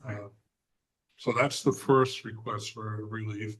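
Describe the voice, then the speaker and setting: A man presenting a plan at a zoning hearing, hoarse and halting, with many fillers and frequent throat clearing. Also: fairly low pitch, steady tone, a bit bright, low-quality recording. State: hoarse, losing his voice. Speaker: applicant's representative. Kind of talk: presenting at a remote board hearing.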